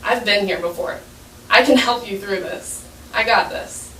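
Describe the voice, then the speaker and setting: A girl as a calm, self-assured teacher. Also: a little high, moderate pace, roomy sound, recorded from a distance, slight background noise, close to an everyday voice, poor audio. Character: calm, confident woman teacher.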